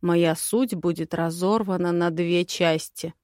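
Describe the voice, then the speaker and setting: A calm dragon prince from a fantasy storybook, steady and earnest as he reasons, read by a woman in her own voice. The recording is close and dry, with no room around it. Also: fairly low pitch, unhurried, dry recording, natural voice.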